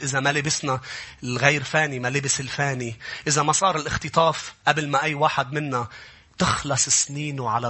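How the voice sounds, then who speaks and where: A man preaching a sermon, building to impassioned, shouting passages as he retells scripture. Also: mid-range voice, slightly rough.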